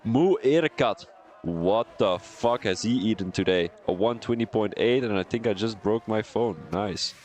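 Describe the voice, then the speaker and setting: There's slight background noise as a young man with a Belgian accent does excitable live sim racing commentary, chatty and laughing as he rambles between calls. He speaks at a moderate pace in a voice on the low side.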